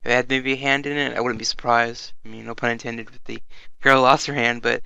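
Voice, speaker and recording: Male co-host, flat-toned, bright and gravelly, dry close mic with dull lo-fi sound. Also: medium pitch, fairly quick, no echo. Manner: chatty, laughs often, quotes characters. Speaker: anime review co-host. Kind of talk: casual review chat.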